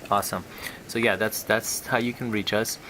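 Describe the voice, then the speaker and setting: A man's voice: fairly low pitch, steady tone, moderate pace, sharp tone, a little hiss or hum. A man speaking as a hypnotherapist on a guided relaxation recording, with a soothing, hypnotic delivery. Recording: music and rain sounds behind the voice. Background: relaxation music with rain.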